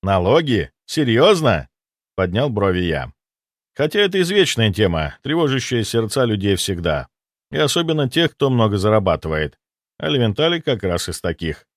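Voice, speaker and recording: A man narrates a first-person fantasy audiobook in a lively voice that swings freely up and down. His wry, deadpan asides sit close on a studio mic. The sound is dry, with no room behind it. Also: lowish voice, moderate pace, dry recording.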